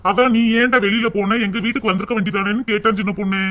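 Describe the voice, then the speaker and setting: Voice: mid-range voice, steady tone, rapid-fire, a bit bright, natural voice. A performer voicing an earnest young village husband in a cartoon. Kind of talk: cartoon voice acting.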